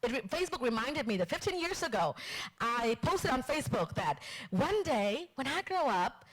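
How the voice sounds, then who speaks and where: High-pitched woman lecturing a class, super animated, keeps quizzing the audience. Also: normal speed, rough recording. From Vietnam. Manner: lively, chatty, asks the room questions. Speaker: marketing instructor.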